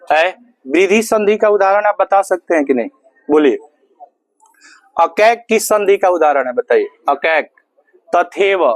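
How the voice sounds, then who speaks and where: Male teacher, Bihari Hindi accent, high-pitched, dry close sound, repeats questions for the class to answer. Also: no echo. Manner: drills with call-and-response questions. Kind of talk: classroom grammar lesson.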